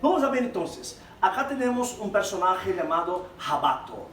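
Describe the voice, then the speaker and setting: A Brazilian man teaching a Spanish lesson, explaining terms to his students in an animated, direct way. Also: high-pitched, moderate pace. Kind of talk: classroom lesson mixing Spanish and Portuguese. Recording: echoey room, far from mic, faint background noise.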